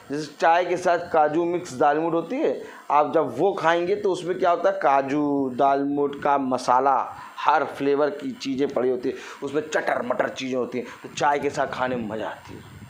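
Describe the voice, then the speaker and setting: An animated, middle-aged male preacher with a fairly high voice delivers a lively sermon. He mimics ordinary people in a teasing way, and a faint room hiss sits beneath his voice. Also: moderate pace. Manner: animated preaching, acting out everyday people with playful mockery and laughter. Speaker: pastor. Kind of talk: Hindi sermon with congregation responses.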